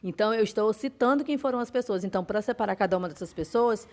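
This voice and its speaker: A woman's voice: mid-range voice, fast. Woman teacher, Brazilian Portuguese accent, lecturing, patient, hesitant fillers. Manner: explanatory, many fillers and restarts. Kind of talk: online class lecture.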